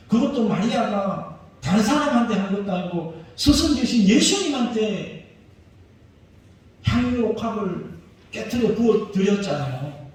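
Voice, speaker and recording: High-voiced male pastor in an echoey hall. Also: a little mellow. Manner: emphatic, asks the congregation rhetorical questions. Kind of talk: sermon. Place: church sanctuary. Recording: very echoey church hall, voice far from mic.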